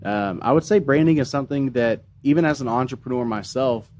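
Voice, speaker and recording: A man's voice: mid-range voice, brisk, a little hiss or hum. Man hosting a casual business podcast. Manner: relaxed and conversational, with fillers like "you know" and "um". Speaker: podcast host, marketing agency owner.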